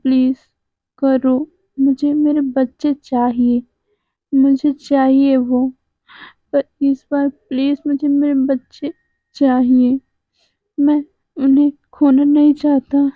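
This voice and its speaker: A woman's voice: high-pitched, little pitch movement, slow, long pauses, dry recording. A woman voicing a desperate young man who begs tearfully, over and over, for his children. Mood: tearful pleading. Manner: sobbing, repetitive begging. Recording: tinny phone-like sound.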